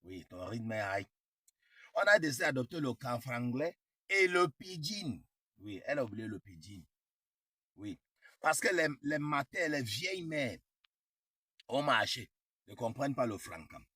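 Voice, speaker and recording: Husky young man. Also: mid-range voice, very animated, a little slow, long pauses, bright, forceful tone, no echo. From Cameroon. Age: young adult. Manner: repeats himself, sprinkles English words. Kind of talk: casual chat.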